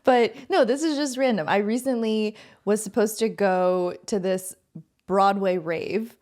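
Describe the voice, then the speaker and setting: A woman's voice: medium pitch, a little slow, darkish tone. Giggly Long Island woman podcaster. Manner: chatty, giggly storytelling with many likes. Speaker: podcast co-host. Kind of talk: casual chat.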